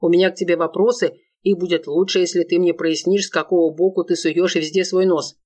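An audiobook reader voicing a crude, jealous male gangster boss who makes gruff, slangy threats. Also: mid-range voice, flat delivery, a little fast, darkish tone, close to an everyday voice. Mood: menacing. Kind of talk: audiobook reading.

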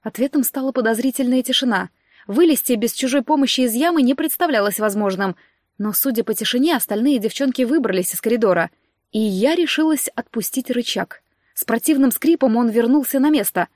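A woman narrating a fantasy audiobook in the first person, in a steady, expressive storytelling manner, on a close microphone. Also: fairly high pitch, fairly quick, no room sound.

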